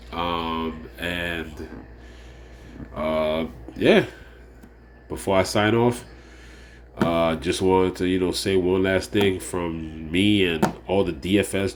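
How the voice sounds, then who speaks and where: Over slight background noise, a low-voiced man hosts a relaxed solo fantasy sports preview. He sounds nasal and somewhat under the weather, and his rambling talk is packed with fillers and repeated phrases.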